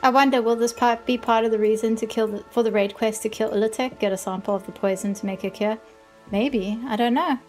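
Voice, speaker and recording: A woman's voice: fairly high pitch, fairly even intonation, fairly quick. A woman livestreaming a game, giving casual commentary and reading quest dialogue aloud. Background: game music.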